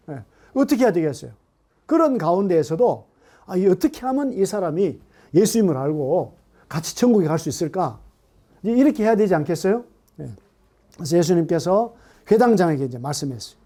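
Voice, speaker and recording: A middle-aged man preaching a sermon to a congregation in an animated way, often asking them questions. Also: high voice. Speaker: pastor. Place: church hall.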